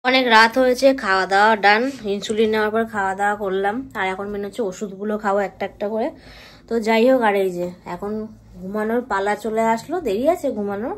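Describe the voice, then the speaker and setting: Fast-talking woman vlogger. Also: medium pitch. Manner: chatty, talks to viewers directly. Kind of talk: casual home vlog.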